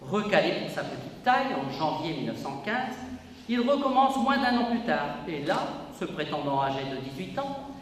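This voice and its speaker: A man's voice: sits high, big pitch swings, moderate pace. A man, president of a local history society, giving a formal inauguration speech with emphatic, declamatory delivery in an exhibition hall. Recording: echoey hall, voice from a distance, faint room noise.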